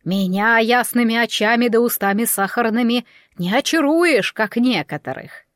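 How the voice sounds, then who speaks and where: A woman voicing a blunt, clever male warhorse with gruff, folksy old-fashioned speech, in an audiobook. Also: a little high, normal speed, no room sound, studio quality, lightly acted. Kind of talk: audiobook character voice.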